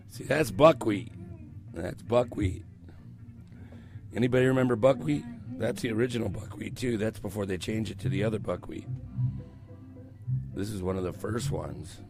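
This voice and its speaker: Over music, an older radio host with a hoarse, croaky voice, coming back after a cold, rambles through casual morning chat and swears freely. Fairly low in pitch, he talks a little slowly and pauses often into a headset mic around his ear in a small studio.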